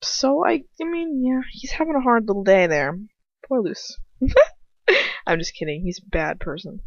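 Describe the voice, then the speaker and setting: Her fairly high voice swings widely in pitch as she comments at a measured pace on a story, casual, rambling and blunt, with plenty of sarcasm, exasperation and swearing. She is an amateur fan fiction reader and commentator. The home recording is lo-fi, dry and dull, with no room sound.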